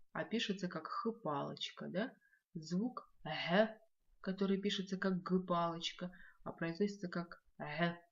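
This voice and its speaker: A woman teaching a language lesson in a video, speaking slowly and patiently and repeating each word for learners to follow. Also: on the low side, muffled recording.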